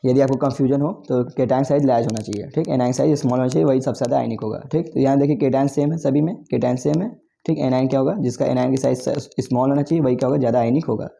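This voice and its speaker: Male tutor, quick and gravelly, dark tone, repeats himself and corrects slips. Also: medium pitch, fairly even intonation. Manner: repetitive, self-correcting explanation with frequent 'theek' and 'okay'. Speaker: chemistry tutor. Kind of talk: exam-prep lecture.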